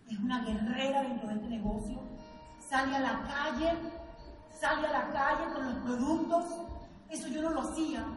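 A woman's voice: high-pitched, slight background noise. A middle-aged woman from Colombia, giving an impassioned, repetitive motivational speech on stage. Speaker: network marketing speaker. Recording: echoey hall from far off, music behind.

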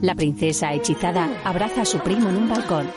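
A woman's voice: on the low side, fairly quick, music in the background. A woman giving scripted audio description in neutral, plain statements.

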